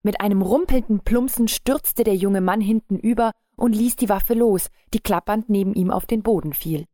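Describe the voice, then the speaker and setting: A woman narrating an audiobook in a calm, measured read. Her voice is mellow and dark, at an ordinary pitch for a woman. The recording is close and dry. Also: no room sound.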